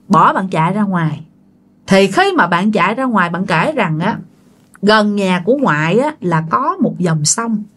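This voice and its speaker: A woman's voice: mid-range voice, fairly bright tone. A woman telling a ghost story in a chatty, casual way, talking straight to her listeners. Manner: chatty, addresses listeners directly.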